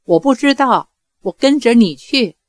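A woman's voice: a little high, animated, a little slow, no echo, studio quality. A woman reading aloud voices a mischievous young man who whines and wails pleas while feigning helplessness. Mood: whining. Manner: whining and wailing pleas.

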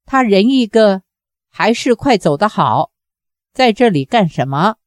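A proud, indignant young woman scolds in anger, voiced by a woman reading a story aloud. The delivery is slow and the sound is dry and close. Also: medium pitch, big pitch swings, no room sound.

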